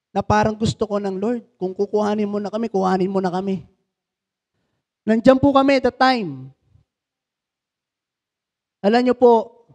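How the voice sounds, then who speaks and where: A man in his thirties with a Filipino accent, preaching a sermon and telling a personal story with strong swings of feeling. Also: a little mellow. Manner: emotional storytelling, pitch swings, mixing English into Tagalog. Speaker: pastor.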